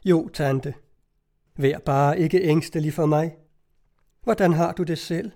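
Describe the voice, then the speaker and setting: A man's voice: on the high side, dark tone, natural voice. A man reading as a caring young niece.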